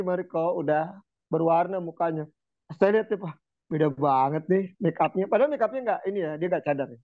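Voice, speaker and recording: Man preaching, animated storyteller, chants verses slowly, dry close sound, tinny phone-like recording. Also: sits high, no echo. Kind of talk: casual religious talk.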